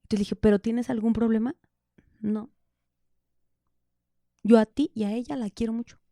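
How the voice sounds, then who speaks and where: A woman, a podcast guest telling candid personal stories in an animated way, acting out the dialogue. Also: fairly high pitch, normal speed, dry recording, studio quality. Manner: animated, laughs often, acts out quoted dialogue. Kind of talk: candid conversational storytelling.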